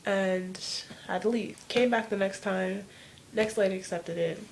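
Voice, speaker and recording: A teenage girl tells a personal story from her room in a casual, rambling way. She keeps tossing in "like" and trails from one thought to the next. A faint background noise sits beneath her mid-pitched voice. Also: moderate pace, darkish tone. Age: teens. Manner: rambling, filler-heavy with "like". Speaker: vlogger. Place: home room.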